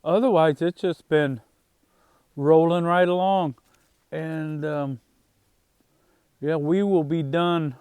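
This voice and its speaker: A man speaks casually to camera as a farm vlogger, his voice sitting a bit higher than most men's. He rambles along at an easy pace, stopping and restarting his sentences with lots of "um"s. The sound is close and dry, with no room around it. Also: fairly even intonation, a little mellow, clean tone, dry recording. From Northwest Indiana, USA. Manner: unhurried, halting, many fillers and restarts.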